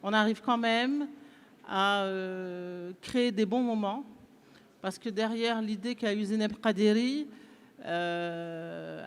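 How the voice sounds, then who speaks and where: A woman from Morocco with a French accent, welcoming guests to a round table, hesitant with many fillers as she switches between French and English. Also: medium pitch. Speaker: event organizer welcoming a panel. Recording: long hall reverb.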